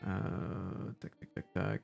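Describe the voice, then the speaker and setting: A man's voice: sits low, little pitch movement, takes it slowly, vocal fry, a little mellow, soft background music. A man streaming a casual review of news, reading articles aloud and then breaking into loose, sarcastic asides while he thinks aloud. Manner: hesitant, many fillers and restarts while thinking aloud.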